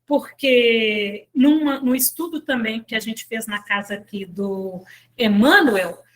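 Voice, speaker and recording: High-pitched woman chatting through a spiritual talk, lots of little asides to the group. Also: slow. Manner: chatty, storytelling with filler tags and asides to listeners. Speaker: lay speaker at a spiritist center.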